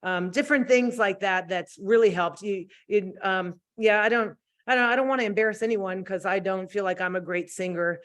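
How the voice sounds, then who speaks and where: A woman who teaches middle school choir, a guest on a video call, talking in an animated, playful way. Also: medium pitch, moderate pace, few pauses. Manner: animated, playful, laughs often. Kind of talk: casual video-call chat.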